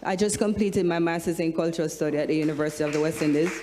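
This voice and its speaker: A woman's voice: deep voice, very fast, a crowd in the background, background noise. Jamaican woman telling stories in a reverberant hall. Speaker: singer on a discussion panel. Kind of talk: animated storytelling, bursts into sung lines. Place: large hall with an audience.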